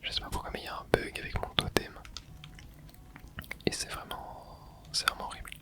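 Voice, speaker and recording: A streamer whispering quietly, as if at night, giving casual, rambling ASMR commentary while playing a game and thinking aloud. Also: normal speed. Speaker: video creator and streamer.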